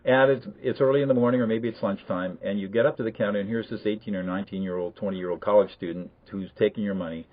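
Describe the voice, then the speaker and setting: A man explaining conflict de-escalation in a measured conversational way, with emphatic bursts. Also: on the low side, steady tone. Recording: tinny phone-like line.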